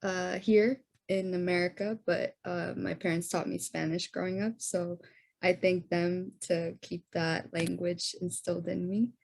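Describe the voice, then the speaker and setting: A woman's voice: on the low side, steady tone, measured pace, creaky, darkish tone. A young adult woman interviewing a guest, eager and encouraging, with many short affirmations. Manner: enthusiastic, frequent short affirmations. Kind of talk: casual interview conversation.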